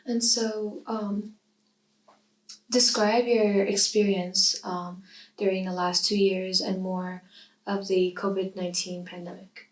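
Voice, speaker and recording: A young woman from Iraq, a student interviewer who asks measured questions in an oral history interview. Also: medium pitch, flat delivery. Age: young adult. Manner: reads a scripted intro, then asks measured questions. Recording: roomy sound from a distant mic.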